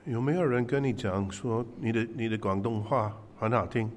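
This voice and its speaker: A man's voice: mid-range voice, a little hiss or hum. Man preaching in a reverberant hall. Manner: halting, conversational, pauses for interpreter. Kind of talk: interpreted sermon in short phrases. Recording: echoey hall with long reverb.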